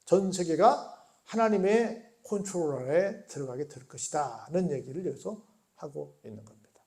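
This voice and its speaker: High-voiced man preaching a church sermon. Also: lively intonation, normal speed. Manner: asks the congregation frequent rhetorical questions; shifts between soft lowered tones and raised exclaiming. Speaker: pastor.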